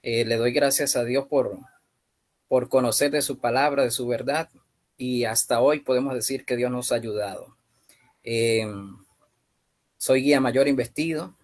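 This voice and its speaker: A man in his thirties from Venezuela with a Venezuelan Spanish accent, leading a youth-ministry class over a video call and speaking at a measured pace with frequent hesitant fillers. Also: medium pitch, steady tone. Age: 30s. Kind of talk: online class presentation.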